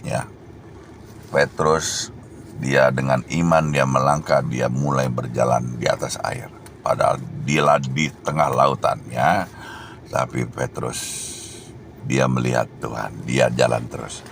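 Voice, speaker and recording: A man's voice: extremely low pitch, little pitch movement, slow pace, creaky, a little hiss or hum. A man preaching a sermon as an evangelist, tagging his phrases with "ya" and exhorting his listeners emphatically.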